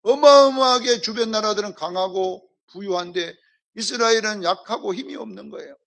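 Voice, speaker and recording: Man as pastor, preaching in an emphatic style that keeps prodding the congregation, high and gravelly delivery. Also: moderate pace, a bit bright. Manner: emphatic preaching, rhetorical questions, repeated prompting of the congregation. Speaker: senior pastor. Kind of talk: sermon. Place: church service.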